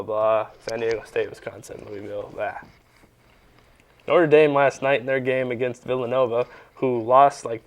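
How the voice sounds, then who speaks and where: A man's voice: mid-range voice, smooth. A young man co-hosting a sports talk show, chatting casually and teasing his partner with sarcastic jokes.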